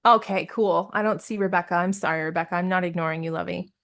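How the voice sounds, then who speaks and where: A woman's voice: on the low side, fairly even intonation, quick pace, a bit bright. Upbeat woman coaching on a live call. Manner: upbeat, encouraging, laughs often. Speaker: business coach.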